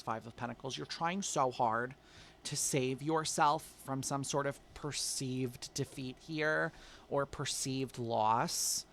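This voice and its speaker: A man's voice: mid-range voice, vocal fry, a bit bright, a little hiss or hum. Chatty man giving a tarot reading. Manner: chatty, coaxing, calls listeners babe. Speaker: tarot reader.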